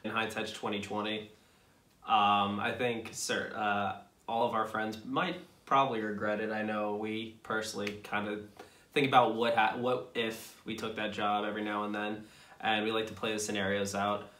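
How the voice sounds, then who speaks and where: A young man chats casually to camera as a vlog co-host, recounting stories with a relaxed, amused ease. He sits in a small indoor room, and his voice rings a little off bare walls. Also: lowish voice, moderate pace. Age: young adult. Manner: relaxed storytelling, laughs often. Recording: echoey room.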